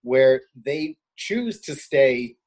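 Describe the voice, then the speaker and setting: A man's voice: mid-range voice, lively intonation, drawn-out words, darkish tone, slightly rough. A man from Queens, a talk show guest who talks casually with many fillers and rising indignation. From Queens, New York. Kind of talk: political talk show chat.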